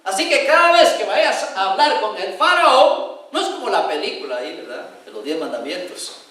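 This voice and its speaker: High-voiced preacher in an echoey hall. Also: male voice, normal speed, distant mic. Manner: animated storytelling, acting out voices, direct questions to the congregation. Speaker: pastor. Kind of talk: sermon.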